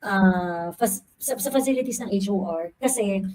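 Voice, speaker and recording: A woman giving casual commentary, pausing often to search for words. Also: medium pitch, darkish tone, poor audio. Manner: searching for words, many fillers.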